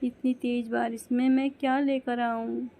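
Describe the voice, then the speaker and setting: A woman voicing an anxious, hurt mother sparrow who talks in a soft, complaining way. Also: on the high side, level tone, a little slow. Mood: sad.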